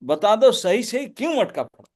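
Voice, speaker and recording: A man's voice: sits high, big pitch swings, normal speed, darkish tone, pitched above the performer's own voice. A man voicing a stern mother who scolds and threatens her naughty child.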